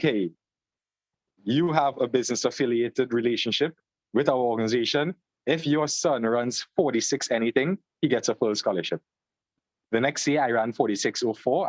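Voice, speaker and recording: A man's voice: mid-range voice, dry recording. Trinidadian man telling his story. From Trinidad and Tobago. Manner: relaxed storyteller, fillers, "long story short". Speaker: guest. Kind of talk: conversational interview. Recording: slightly dull, dry call audio.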